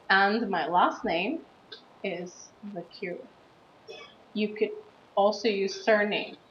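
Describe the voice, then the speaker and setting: Patient woman teacher in an echoey room. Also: mid-range voice. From USA. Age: 30s. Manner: slow, patient explaining with stressed words. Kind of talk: classroom writing lesson. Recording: dull, roomy recording with faint background noise.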